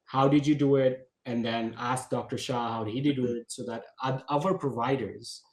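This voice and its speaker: A man's voice: medium pitch, fairly even intonation, normal speed, reverberant, low-quality recording. A male podcast host giving enthusiastic, effusive introductions to his guests. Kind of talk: podcast interview.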